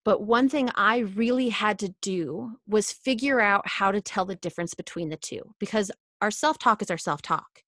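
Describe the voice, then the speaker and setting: A woman speaks as a podcast guest in an earnest, casual way. Her voice sits in an ordinary middle pitch. The sound is dry and close, with no room in it. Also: fairly bright tone, dry recording. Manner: earnest, self-help tone.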